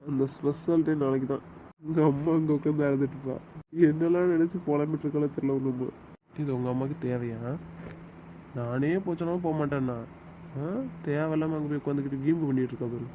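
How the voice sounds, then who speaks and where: A man's voice: a little high, dark tone, lo-fi sound. A young man with a slightly raised voice plays a doting father. He coos and coaxes in baby talk. Faint background noise sits under the voice. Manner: coaxing baby talk to his infant daughter. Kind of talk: amateur web drama acting.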